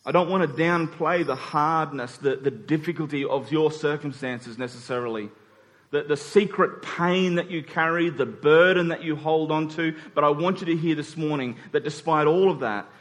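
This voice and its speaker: This sermon comes from a man whose voice sits on the high side, a bit bright, at a moderate pace. Conversational in style, he repeats important phrases for emphasis and poses quick rhetorical questions to keep the congregation with him.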